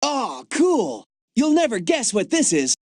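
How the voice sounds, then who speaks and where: This man's pitch is extremely high and swoops wildly as he voices an eager, jokey young field agent in a video game, riffing on gadgets and the cold. He takes an unhurried pace in a heavily acted, enthusiastic, chatty delivery. The studio-quality dry mic picks up no room sound.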